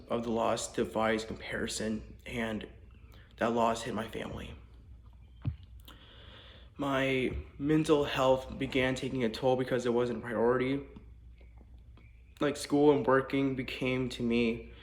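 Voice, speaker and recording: A young man, a student, giving an earnest, apologetic class speech that he reads from a script, recorded inside a house with the walls torn out. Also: mid-range voice. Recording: echoey bare room.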